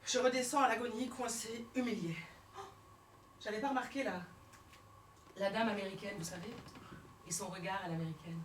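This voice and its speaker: A woman comedian performing a one-woman stage show, telling her story theatrically and swinging between hushed and shouted lines. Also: mid-range voice, fairly even intonation, a little fast, pauses often, a little hiss or hum. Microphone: fixed camera from the hall. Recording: roomy hall sound from far off.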